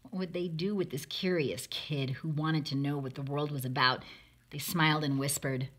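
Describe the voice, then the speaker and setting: Her voice is low-pitched, slightly rough and fairly bright, with fairly even intonation and a normal speed. As a storybook reader, she expressively performs a rhyming children's picture book, acting out the lines with dramatic emphasis.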